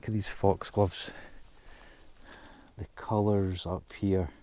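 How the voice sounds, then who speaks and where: A man's voice: sits low, little pitch movement, slow, mellow. A man vlogging outdoors in pine woods, chatting and thinking aloud while he works, a little out of breath. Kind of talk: casual outdoor vlog narration.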